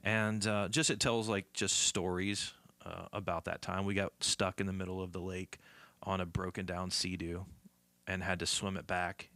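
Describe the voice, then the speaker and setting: A man's voice: deep voice, little pitch movement, normal speed, sharp tone, dry recording. A male musician from the southern United States, telling rambling stories with lots of fillers. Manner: rambling, many fillers, acts out voices. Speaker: musician guest. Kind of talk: casual storytelling.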